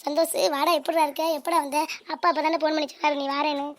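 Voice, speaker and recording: A performer voicing a warm, welcoming village aunt in a homemade cartoon, greeting her nephew. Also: high-pitched, flat delivery, fast talker. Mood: cheerful.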